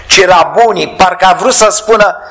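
A man preaches with fervor, his voice pitched high. The tone is bright and forceful. He lifts his lines into exclamations and slows right down on the words he wants to land. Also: low-quality recording. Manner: fervent, exclamatory, stretches key words slowly. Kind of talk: sermon.

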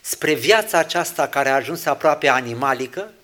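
A man preaching a sermon, dramatic, moving from hushed words to loud exclamations and acting out short dialogues. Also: mid-range voice, animated.

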